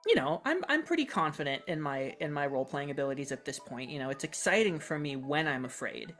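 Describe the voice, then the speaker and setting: A podcast co-host in their thirties talking reflectively and casually, halting and self-correcting as they go. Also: medium pitch, very animated, a bit bright, faint music behind. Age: 30s. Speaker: podcast co-host and role-playing game player.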